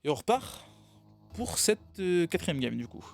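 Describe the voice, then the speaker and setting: A man's voice: sits high, sing-song, measured pace, creaky, soft background music. A man casting a video game match live for a stream, tired, rambling and correcting himself as he goes. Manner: rambling, self-correcting, laughs at own slips. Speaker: esports caster.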